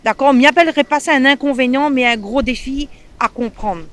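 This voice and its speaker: A woman's voice: high-pitched, brisk. Emphatic Réunionnais woman in an interview. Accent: Réunionnais French. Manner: animated, emphatic, checks in with "d'accord?". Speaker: interviewee, mother. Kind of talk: casual interview.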